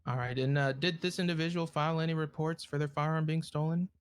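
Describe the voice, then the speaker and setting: A man role-playing a prosecutor, formally addressing a court with somewhat halting phrasing. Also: fairly high pitch, steady tone, smooth. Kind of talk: improvised courtroom role-play.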